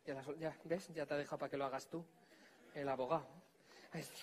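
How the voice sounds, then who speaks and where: A man with a Spanish accent performing a live comedy magic act, teasing volunteers and giving them quick orders on stage. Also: fairly high pitch, steady tone.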